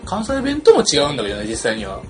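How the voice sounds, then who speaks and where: A man from Hiroshima with a light Hiroshima accent, co-hosting a podcast with dry, deadpan jokes. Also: fairly high pitch, fast talker, music in the background. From Hiroshima, Japan. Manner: deadpan, dry joking in standard speech. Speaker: podcast co-host. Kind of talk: casual chat.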